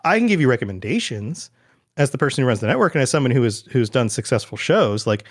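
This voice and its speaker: A man chatting casually as a podcast guest, relaxed and talkative, often slipping into quoted asides. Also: medium pitch, fast. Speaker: guest, podcast network founder. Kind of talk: casual interview chat.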